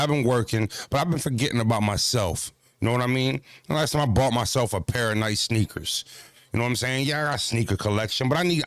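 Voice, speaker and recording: Talking to camera after a gym session, a thirtysomething man rambles about battle rap and self-care in a loose, profane way, repeating "you know what I mean." The studio-quality recording is echo-free, and his medium-pitched voice is a bit bright.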